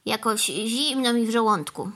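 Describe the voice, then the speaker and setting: A fussy, greedy male crow from a children's storybook, squawking "kra" and firing off brisk, evasive retorts, as a woman reads him. His voice is pitched very high, above a plain speaking voice. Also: lively intonation, fairly bright tone.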